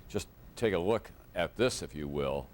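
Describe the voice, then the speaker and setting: Deep-voiced male news anchor on old VHS tape. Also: lively intonation, slight background noise. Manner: measured, grave, with frequent pauses and fillers. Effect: old VHS tape recording of a TV broadcast. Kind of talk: live breaking-news anchoring.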